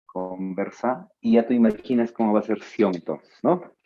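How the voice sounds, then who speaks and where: A male teacher giving a spelling lesson, drawing out his words slowly and adding playful asides to his students. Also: on the low side, lo-fi sound. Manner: slow, drawn-out words, playful asides to the listener.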